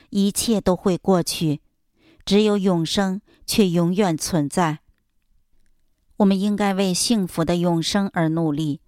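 A woman with a fairly low voice reads a religious life story aloud in a steady, solemn, measured way. The sound is dry and close, with no room echo. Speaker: narrator of a religious biography. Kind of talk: scripted reading narration.

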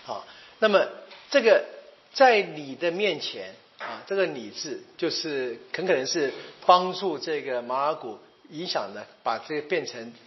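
Male Bible teacher, higher voice with lively pitch, questioning style, dull lo-fi sound. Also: measured pace. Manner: explanatory, asks the audience questions. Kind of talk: Bible study lecture.

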